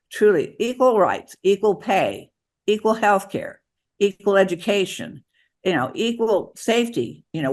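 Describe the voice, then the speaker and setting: Halting, slightly high-voiced man guest. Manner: halting, with many restarts and small laughs. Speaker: guest author and equal rights advocate. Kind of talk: conversational interview answers.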